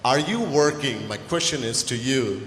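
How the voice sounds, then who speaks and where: A man's voice: medium pitch, animated, normal speed, a bit bright. A man, a university founder, earnestly pressing a panel with a question at a conference. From Bangladesh. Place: large conference hall. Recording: echoey hall with long reverb, faint room noise.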